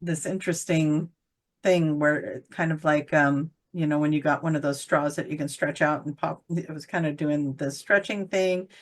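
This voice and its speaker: A woman's voice: sits low, fairly even intonation, moderate pace. A woman in casual conversation about spiritual channeling, rambling and searching for words with many fillers. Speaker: channeler co-host.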